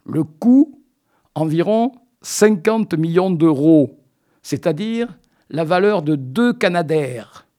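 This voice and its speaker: A man's voice: on the high side, lively intonation, slow, mellow. A man in a radio studio delivering a comic radio chronicle in a playful, teasing, mock-solemn way. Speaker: radio columnist.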